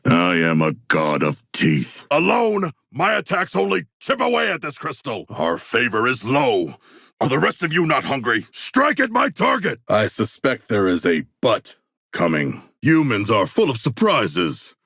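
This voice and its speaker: A man voicing King Shark, a hulking, proud, literal-minded shark-man in a video game, with a deep gravelly voice and stilted, grandiose formal diction. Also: wildly swooping pitch, a little slow, fairly bright tone, no room sound, studio quality, heavily acted. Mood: battle-ready, then dry, thoughtful. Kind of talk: video game character voice lines.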